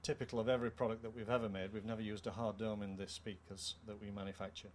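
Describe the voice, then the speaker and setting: For a technical product presentation in an interview, a middle-aged company co-founder with a British accent speaks in a formal, measured way inside a trade show room. His voice is on the low side and his tone stays level. It's picked up on a handheld mic, with clear show-room background noise around him.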